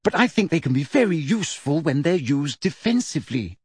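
An eager, clever schoolgirl, put on by a male narrator answers in a raised, clear, carrying voice. She sounds sure of herself and quick. The recording is close and dry. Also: a little high, sing-song, no echo, pitched above the performer's own voice. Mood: confident.

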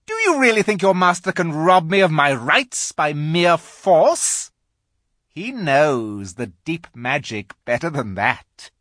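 A reader voicing a cruel, proud witch queen who speaks in a shrill, imperious, menacing way. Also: big pitch swings, takes it slowly, fairly bright tone, no echo, studio quality, full character voice. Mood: scornful.

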